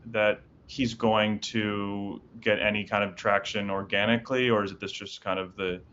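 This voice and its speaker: Hosting a news show, a man reads headlines briskly, then interviews a guest with short follow-up questions and frequent backchannels. His voice sits fairly low with a flat delivery and a slightly bright tone. The highs are cut off, and there's slight background noise.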